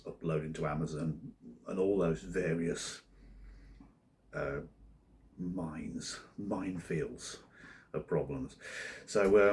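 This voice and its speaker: A cartoonist vlogger with a very deep, croaky, husky voice, hoarse from a cold, chats casually in his studio. He sounds drowsy, rambles, and keeps correcting himself, with slight background noise in the recording.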